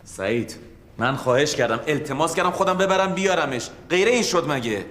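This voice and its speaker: A man's voice: a little high, animated, a bit bright, long reverb tail. An actor playing a defensive man who brushes off his friend's anger. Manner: defensive, dismissive. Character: defiant young man brushing off blame. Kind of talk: TV drama acting.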